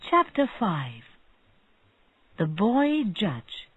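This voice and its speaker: Woman narrator, slow storybook reading, lively intonation, dry muffled sound. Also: medium pitch, dry recording. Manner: clear, deliberate, expressive.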